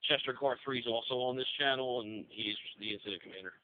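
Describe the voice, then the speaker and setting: Male county dispatcher on emergency radio, procedural and quick, dry tinny narrowband audio. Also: mid-range voice, no echo. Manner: procedural, formal radio talk. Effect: two-way radio.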